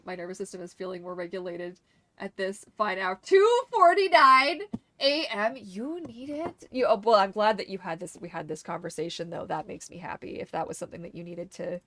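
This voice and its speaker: A woman's voice: fairly low pitch, no room sound. A young woman streamer chatting casually and emotionally with her viewers, swearing freely and laughing often. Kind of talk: casual live-stream chat.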